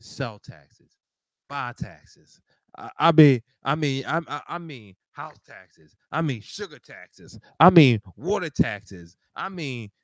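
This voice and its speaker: A man hosting a live talk show, ranting in an animated way with laughs and restarts. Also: mid-range voice, slow, no echo, low-quality recording. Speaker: show host.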